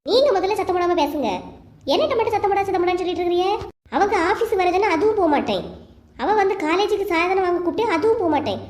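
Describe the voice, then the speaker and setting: A woman's voice: very high-pitched, animated, fast talker. A woman with a Kanyakumari accent voicing an exasperated young wife in a cartoon. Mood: scolding. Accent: Kanyakumari Tamil. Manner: pleading then sharp, scolding.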